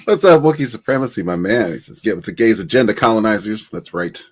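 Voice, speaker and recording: Deep-voiced joking male podcast host. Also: lively intonation, fast. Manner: upbeat, joking, laughs often. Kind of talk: casual chat.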